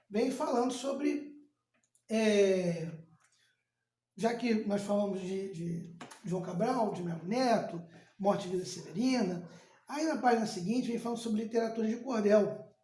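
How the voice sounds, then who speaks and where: Slow-speaking male teacher, echoey room. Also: very high voice, a little mellow. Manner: slow, explanatory, repeats words and restarts often. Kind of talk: recorded classroom lesson.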